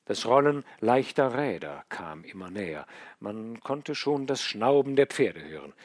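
Husky-voiced man narrating an audiobook. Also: lowish voice, no room sound, studio quality. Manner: measured, even storytelling. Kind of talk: scripted literary narration.

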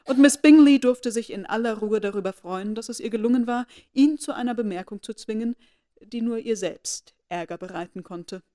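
A woman reading a classic novel aloud in measured, expressive scripted narration. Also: fairly high pitch. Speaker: audiobook narrator.

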